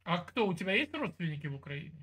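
A man's voice: sits high, very animated, quick pace, pushed and bright, breathy edge. A man in his fifties from Siberia, lecturing insistently on a video call from a room at home. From Siberia, Russia. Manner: lecturing, insistent, talks over the other. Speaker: chat roulette streamer. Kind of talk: heated video chat argument. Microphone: webcam video call.

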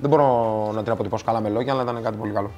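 A man from Greece, a tattoo artist, telling stories in a casual interview and acting out the dialogue. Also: faint music behind. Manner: animated, acts out dialogue, rises in pitch when quoting.

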